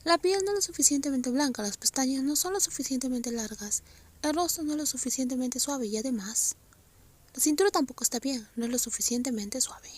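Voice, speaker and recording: A woman narrates a romance novel aloud in a high, light voice. She reads softly, often dropping to a half-whisper. The delivery is steady and story-focused. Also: a little fast.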